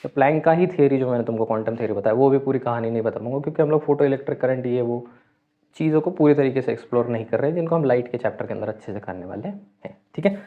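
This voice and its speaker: A man's voice: medium pitch, racing. Male teacher lecturing on chemistry, explains step by step, mixes in English terms; narrow lo-fi sound. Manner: explains step by step, asks and answers own questions. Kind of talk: classroom lecture. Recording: tinny phone-like sound.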